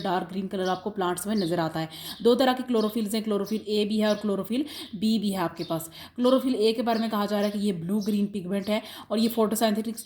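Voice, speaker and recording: A woman's voice: mid-range voice, a little mellow. A young woman with a Pakistani Urdu accent teaching biology in an exam-prep lecture, explaining terms and reading out English sentences.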